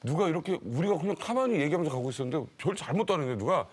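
A man animatedly telling a comic story on a TV talk show, shouting out the quoted lines. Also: on the high side, animated, rapid-fire, breathy edge.

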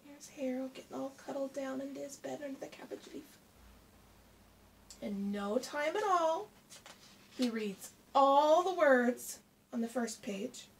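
With a high, gravelly voice, a middle-aged woman reads a picture book to children at an unhurried pace, pausing often. She is expressive and questions the kids like a primary teacher. A slightly distant camera records her in a small indoor room lined with shelves, picking up faint background noise.

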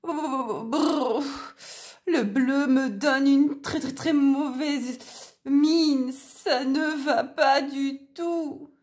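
A grumpy big storybook wolf, as a woman puts him on, crying out in dismay, his voice climbing higher than her narration. He speaks slowly and with emphasis. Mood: shivering. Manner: exclaiming in dismay.

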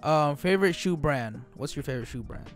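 A man in his late twenties co-hosting a casual Q&A video with his partner, talking in a relaxed, joking way with lots of fillers. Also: a little high, fairly quick, faint music behind. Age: 20s. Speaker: co-host of a couple's channel. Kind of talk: casual Q&A chat. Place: small home studio room. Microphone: studio microphone on a stand, close.

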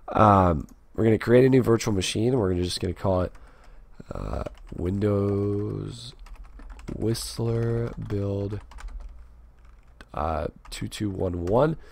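A man with a cold and sore throat, hosting a casual software tutorial with many fillers. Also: low voice, no room sound. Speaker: tech tutorial host.

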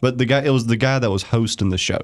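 A young man, a stand-up comedian, chatting casually on a studio podcast mic, rambling and getting animated in his stories. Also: mid-range voice, fast talker. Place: small radio studio with posters. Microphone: studio boom mic with headphones.

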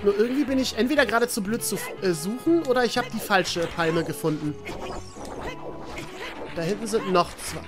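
Lively chatty woman gaming. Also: mid-range voice, normal speed, over music. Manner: chatty, addresses viewers as "ihr Lieben", mild swearing at enemies. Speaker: let's player. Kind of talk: video game commentary.

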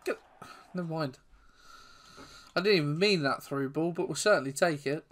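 A man giving chatty live commentary over his own football video game, self-deprecating and bursting into excitement at goals. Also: fairly high pitch, moderate pace. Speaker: gaming YouTuber.

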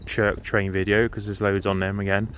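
A man's voice: lowish voice, level tone, moderate pace, fairly bright tone, slight background noise. A man filming a casual vlog on his phone outdoors on a station platform, chatty and rambling, repeating himself with fillers. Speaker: train vlogger. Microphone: handheld phone camera.

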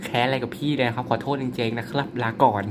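Fast-talking in a medium-pitched, level tone, this Thai mobile game player and channel host gives casual, jokey commentary on his game. Expect frequent exclamations, lots of laughter and mock-polite apologies, with background noise underneath.

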